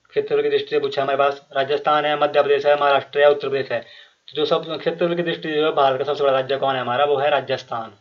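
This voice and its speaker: Man explaining quiz answers, muffled recording. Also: on the high side. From Himachal Pradesh. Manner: reads each question and options aloud, repeats, then explains answer; frequent fillers and restarts, addresses viewers directly. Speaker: quiz teacher. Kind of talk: exam prep quiz lesson.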